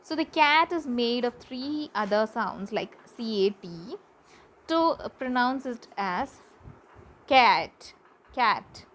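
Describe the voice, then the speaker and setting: A woman teaching a class, slowly repeating words for pronunciation practice. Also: a little high, low-quality recording. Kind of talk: classroom lesson. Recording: faint background noise.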